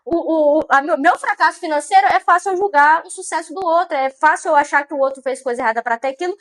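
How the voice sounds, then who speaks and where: A woman's voice: sits high, fast, fairly bright tone. A woman giving a motivational monologue on mindset, repeating phrases and asking the listener rhetorical questions. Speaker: mindset speaker.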